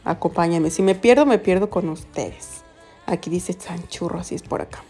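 A woman's voice: fairly low pitch, normal speed, mellow, breathy edge, faint music behind. A young woman with a Mexican Spanish accent, chatting to her viewers in a casual vlog as she walks around town, telling stories with lots of giggles and exclamations. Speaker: vlogger. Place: walking around a quiet town center, then a café.

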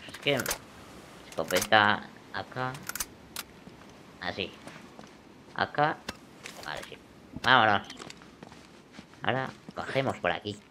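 A man casually commenting on a video game he is playing, excitable and swearing, talking to himself. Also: lowish voice, slow, pauses often, a little hiss or hum. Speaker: gameplay commentator. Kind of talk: casual let's-play commentary. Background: game music and gunfire.

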